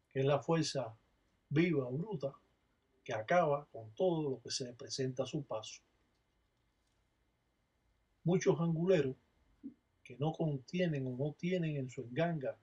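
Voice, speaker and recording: Very husky, slow-speaking male priest. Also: on the high side, darkish tone. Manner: chants ritual phrases with repeated refrains. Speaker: Palo Mayombe priest. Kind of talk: religious teaching narration.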